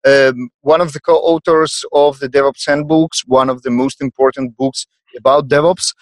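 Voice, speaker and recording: A man with a Russian accent hosting an unscripted podcast, speaking in a hesitant, halting way. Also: medium pitch, steady tone, no echo. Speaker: podcast host. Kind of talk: unscripted panel podcast introduction.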